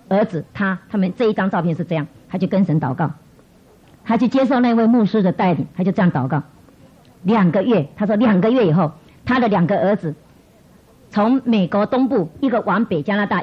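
A woman preacher telling testimonies in a sermon, animated and repeating her phrases as she goes. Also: medium pitch, slightly rough. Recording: muffled lo-fi recording.

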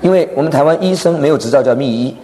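A man's voice: on the high side, rapid-fire. A middle-aged or older man, a pastor giving a humorous sermon, joking and self-deprecating. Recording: echoey hall with background noise.

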